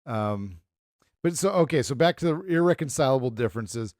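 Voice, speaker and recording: A man's voice: medium pitch, brisk, no room sound, clean studio sound. A middle-aged man co-hosting a podcast, telling rambling stories in casual chat and acting out the people in them. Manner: rambling storyteller, animated retellings. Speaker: podcast co-host.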